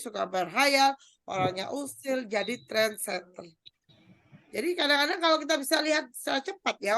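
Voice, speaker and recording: A woman doctor giving a chatty parenting seminar, lively and acting out quoted voices as she explains. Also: fairly high pitch.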